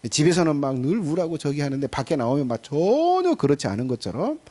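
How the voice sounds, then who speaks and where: Animated middle-aged man preaching. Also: on the high side, quick pace, breathy edge. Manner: animated and conversational, acting out little scenes. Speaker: pastor. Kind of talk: sermon. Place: church sanctuary.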